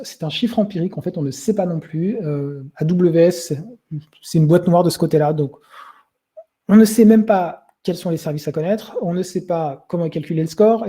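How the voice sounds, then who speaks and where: A man's voice: fairly high pitch, warm tone, breathy edge. A young man giving a conversational webinar talk, hesitating often with filler sounds. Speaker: webinar presenter.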